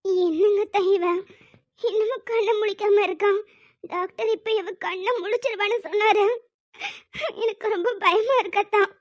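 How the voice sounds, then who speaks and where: A high-voiced performer as an anxious young older sister. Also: fairly even intonation, normal speed, no room sound. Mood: worried. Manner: worried, tearful, pleading.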